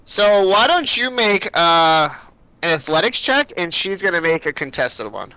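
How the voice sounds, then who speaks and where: A man's voice: high-pitched, big pitch swings, a little slow, sharp tone, smooth, no echo, poor audio. A man narrating as game master of a tabletop game, rambling loosely with plenty of fillers.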